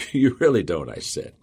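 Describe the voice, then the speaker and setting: A man reading a motivational audiobook in the first person, earnest and measured. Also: fairly low pitch, huge pitch swings, darkish tone, husky. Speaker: audiobook narrator. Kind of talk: scripted audiobook narration.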